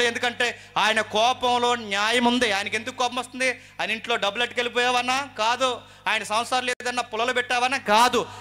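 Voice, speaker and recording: A man's voice: high voice, pushed and bright. A male preacher with a Telugu accent giving an emphatic sermon, asking the congregation questions and repeating phrases for force.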